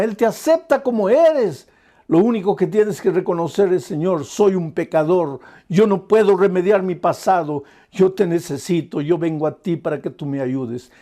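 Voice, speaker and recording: A pastor delivers an evening sermon in a noticeably high male voice. He talks straight to the listener in an earnest tone. He stacks up repeated phrases, and his pace keeps shifting between quick runs and slow stresses. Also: a little mellow. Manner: earnest preaching, speaking directly to the listener.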